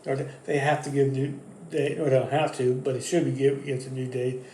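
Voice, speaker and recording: A man's voice: mid-range voice, level tone, a little fast, darkish tone, slight background noise. A man hosting his own wrestling channel, giving casual predictions in a loose, rambling way full of fillers and restarts. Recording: echoey room.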